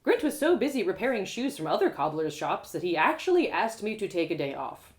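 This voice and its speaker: A woman with a mid-range voice reads a first-person fantasy story aloud as a live storyteller, expressive and using dramatic pauses.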